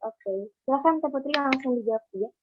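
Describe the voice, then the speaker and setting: A woman's voice: high voice, fairly quick, faint music behind. A woman host reading viewer questions from the chat, with brief slips and apologies along the way. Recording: dry tinny phone-like line.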